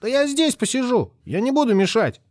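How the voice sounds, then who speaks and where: A man's voice: very high-pitched, very animated, a little fast, no echo, studio quality, voice pushed up. A man voicing a mischievous, spoiled little boy who whines and talks in a sugary thin voice. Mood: sugary, pleading.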